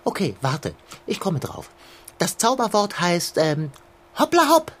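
Eine Frau spricht einen verfressenen, herrischen Kater in einem komischen Hörspiel, mit gestelzter, förmlicher Sprechweise. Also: female voice, lowish voice, sing-song, measured pace, a little hiss or hum. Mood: wheedling. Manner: pompous, stilted formal phrasing. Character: haughty greedy male house cat, demanding. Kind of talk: comic audio play.

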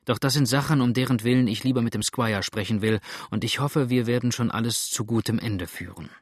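A man's voice: mid-range voice, brisk, no room sound, clean studio sound, natural voice. A male audiobook reader voicing an earnest, urgent young farmer.

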